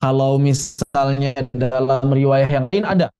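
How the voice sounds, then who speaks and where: A man teaching Quran recitation with a mellow, warm tone at a mid pitch. He explains pronunciation rules casually, then demonstrates each Arabic sound slowly and repeats it several times. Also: clean tone. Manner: relaxed, chatty asides. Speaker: tajwid teacher.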